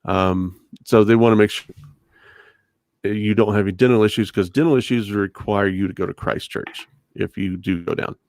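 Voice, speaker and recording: Here a middle-aged man, guesting on a podcast, answers casually with interview anecdotes in a lowish, slightly mellow voice, keeping a steady tone and moderate pace. No room sound comes through; he sits close to a pop-filtered desktop condenser mic in a bookshelf-filled home room indoors.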